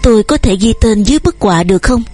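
An eager, devoted young suitor pours out his feelings in long, earnest phrases, voiced by a woman. The voice is mellow and husky. Soft music runs under this storybook reading. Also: a little high, expressive, fast.

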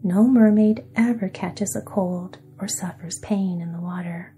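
A woman softly voicing a kind young mermaid princess in a whispered role-play sleep story. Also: medium pitch, fairly even intonation, measured pace, faint music behind, lightly acted. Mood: gentle. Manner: soft and kindly.

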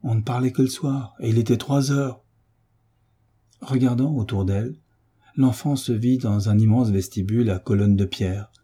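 Man, audiobook narration, classic novel, very dark mellow tone, slightly husky. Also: mid-range voice, moderate pace. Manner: lifts his voice for the characters' lines.

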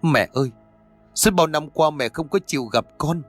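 A man voicing a bitter, vengeful young woman who speaks in an accusing, sharp, pleading way. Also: a little high, normal speed, soft background music, voice pushed up, natural voice. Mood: anguished.

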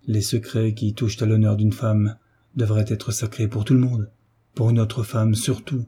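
A man reading the curt lines of a proud, bitter husband in a storybook, in his own low voice. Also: flat delivery, normal speed, mellow, husky. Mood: stern. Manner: curt and restrained.

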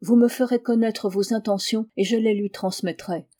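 An earnest, devoted young son, read aloud by a woman. He sounds calm and gentle, with a mellow, warm tone, as in a storybook. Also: on the high side, moderate pace, close to an everyday voice.

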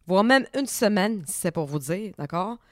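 A man's voice: high-pitched, animated, moderate pace, a bit bright, no room sound, clean studio sound. A man voicing a chatty, blunt middle-aged woman neighbor in an improvised comedy sketch, rambling through indignant complaints. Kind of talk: improvised comedy role-play.

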